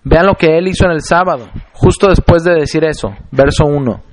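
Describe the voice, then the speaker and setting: A man preaching a sermon, reading scripture aloud and explaining it in a deliberate manner, slowing down to stress key phrases. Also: on the high side.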